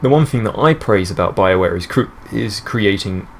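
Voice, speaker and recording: A deep-voiced man talks casually over his gameplay, rambling with a fan's enthusiasm. Faint game ambience hums underneath. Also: animated, moderate pace, vocal fry, slight background noise. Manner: rambling, enthusiastic fan talk. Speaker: gaming channel host. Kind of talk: let's play commentary.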